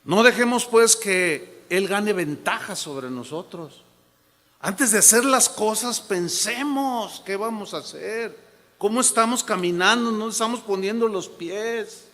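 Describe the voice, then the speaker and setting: A male pastor preaches in an emphatic, warning tone. His voice sits high and bright, and he takes his time over each phrase. A long reverb trails his words through the sanctuary. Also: a little slow. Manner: emphatic, urging and warning the congregation. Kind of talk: sermon.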